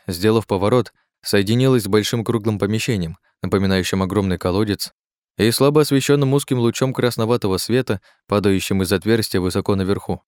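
Low-voiced man narrating an audiobook. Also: no room sound, studio quality. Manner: even, measured reading.

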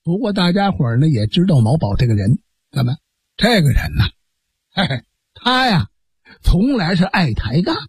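Husky storyteller, lively pitch. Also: male voice, moderate pace, pauses often, no room sound, clean studio sound. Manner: dramatic, lively, with asides to listeners. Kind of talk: traditional storytelling performance.

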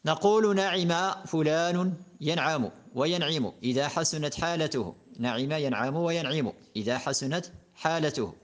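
Male grammar teacher, slightly high voice, steady and methodical, reciting conjugation tables. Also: normal speed. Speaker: teacher of Arabic morphology. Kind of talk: classroom lesson explaining a grammar poem.

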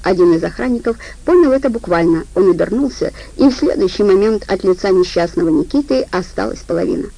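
A woman narrating a crime audiobook, steady and low-key. Her voice is gravelly with a dark, mellow timbre. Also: fast, few pauses, poor audio.

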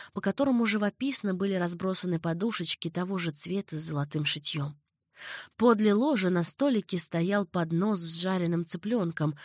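A woman narrates a romance novel in a calm, measured way. Her voice sits on the low side, and the recording is dry and close to the mic, with no room sound. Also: no echo. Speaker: audiobook reader. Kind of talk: scripted narration.

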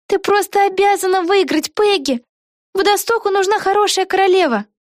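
A woman's voice: extremely high pitch, fairly quick, dry recording, studio quality, voice pushed up. A woman voicing a young girl witch who insistently urges her best friend on, as in a storybook read aloud. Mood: urging. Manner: insistent, encouraging.

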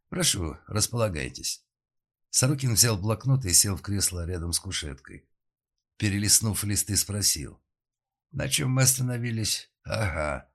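A man reading an audiobook narration in a measured, even way. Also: deep voice. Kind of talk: scripted narration.

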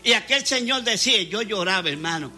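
A man's voice: high-pitched, lively intonation, brisk, pushed and bright. A man preaching a fervent sermon, telling stories and acting out the dialogue with frequent laughter. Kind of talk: Spanish sermon with testimony.

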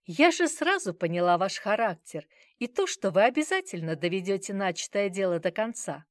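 A woman's voice: medium pitch, animated, normal speed, no echo, close to an everyday voice. A woman reading an audiobook voices a poised young mother who speaks coolly and with self-assured, dry amusement.

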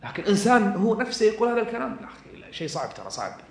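A man preaching with a Kuwaiti accent, moving from quiet asides to loud, fervent exhortation. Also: high voice, big pitch swings, rapid-fire. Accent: Kuwaiti Arabic. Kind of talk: religious lecture to an audience. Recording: echoey room.

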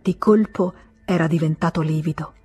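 Una donna che legge un romanzo classico come audiolibro, con lettura letteraria espressiva e drammatica. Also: female voice, low voice, moderate pace, slightly rough, soft background music. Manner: expressive, voices the characters' dialogue with feeling. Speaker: audiobook narrator. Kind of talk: dramatic literary reading.

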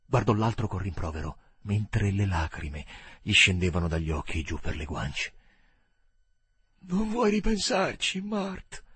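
A man narrating a novel aloud with expressive, dramatic phrasing. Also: sits low, moderate pace, breathy edge, dry recording. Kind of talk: audiobook reading.

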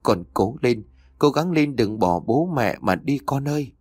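A man's voice: mid-range voice, expressive, unhurried, darkish tone, breathy edge, dry recording, clean studio sound, pitched above the performer's own voice. A man voicing a grieving older mother in a horror audiobook, tearful and scolding. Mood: wailing.

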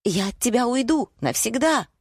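A woman reading aloud and voicing a gossipy, timid middle-aged wife who chatters fast and whimpers. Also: deep voice, a little mellow, no echo, studio quality, lightly acted. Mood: whimpering.

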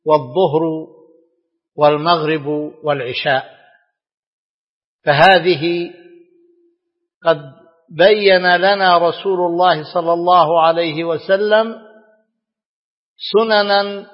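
Slow, echoing man lecturing in formal Arabic. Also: a little high, steady tone. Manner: measured, deliberate phrasing in short segments with pauses. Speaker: religious scholar giving a radio talk. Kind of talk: scripted religious lecture in formal standard Arabic. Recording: dull lo-fi, long hall reverb.

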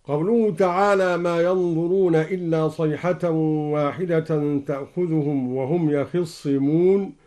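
A man explaining recitation variants in a measured religious lesson on a radio broadcast, speaking slowly and deliberately. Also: a little high, fairly even intonation, darkish tone. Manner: slow, deliberate explanation between recited verses. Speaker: Quran radio scholar explaining readings. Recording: live broadcast from a Quran radio station.

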